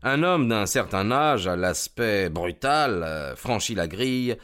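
A man narrating a classic detective story as an audiobook, in a measured, expressive storytelling voice. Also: lowish voice, clean tone.

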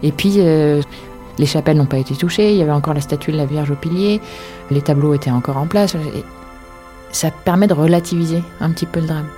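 A woman's voice: deep voice, brisk, mellow, faint music behind. A woman in her forties from Paris, an archaeologist guiding visitors and talking with frequent hesitations. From Paris, France. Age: 40s. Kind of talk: guided tour interview.

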